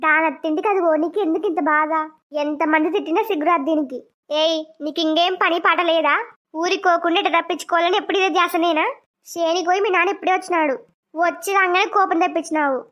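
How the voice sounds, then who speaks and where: A woman's voice: very high voice, steady tone, fast, a bit bright. A woman voicing a middle-aged village mother who scolds sharply, on a dull lo-fi recording. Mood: scolding.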